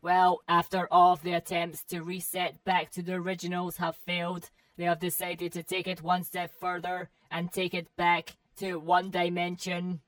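A performer voicing a deadpan robot sidekick with a flat robotic computer voice, speaking from some distance off the mic. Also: medium pitch, moderate pace, hardly any pauses, dry recording. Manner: deadpan, announces its own programs. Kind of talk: comedy sketch dialogue.

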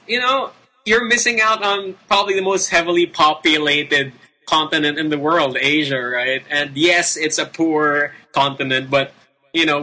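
A man's voice: a little high, pushed and bright, poor audio. A man with a Filipino accent hosting a video game show, talking in a casual, rambling, emphatic way. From Philippines. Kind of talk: casual, unscripted game commentary.

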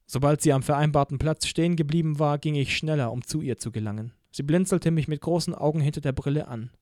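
A man reading a novel aloud in first person, expressive and acting out the dialogue. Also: on the high side, quick pace, dry recording, clean studio sound. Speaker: audiobook narrator. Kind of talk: scripted first-person narration.

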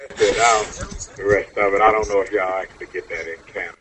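A man's voice: lowish voice, fairly even intonation, fast, noisy background. A man from the United States heard through a phone on speaker, joking in casual chat as a guest caller.

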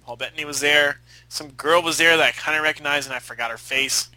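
A man's voice: a little high, fast, bright, forceful tone, poor audio. A young man co-hosting a casual movie podcast, rambling and joking with lots of filler. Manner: rambling, jokey, full of filler. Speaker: podcast co-host.

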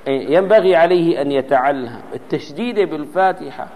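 A man teaches Islamic law in a voice pitched a little high. He explains patiently, quotes texts and sounds out letters to show correct pronunciation. His voice carries a long reverb from a large mosque hall. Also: fast, a little mellow. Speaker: religious teacher. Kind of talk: Islamic jurisprudence lesson.

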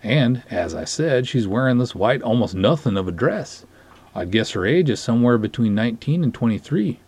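Narrated dialogue from a short story gets a dramatic, theatrical reading from a male podcast host whose delivery is formal and wordy. He speaks at normal speed in an animated mid-range voice that is a little mellow, with a breathy edge.

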